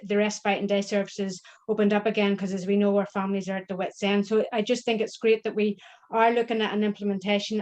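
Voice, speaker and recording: A woman's voice: medium pitch, darkish tone. A woman from a charity speaking at a webinar, appreciative, repeating "really" with many uhs. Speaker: charity representative. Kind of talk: webinar contribution.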